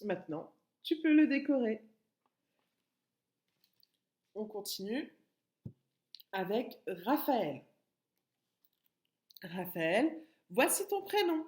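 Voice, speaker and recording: A woman teacher speaking to young children, spelling out letters slowly and clearly with lively rises in her voice. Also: on the high side. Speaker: preschool teacher.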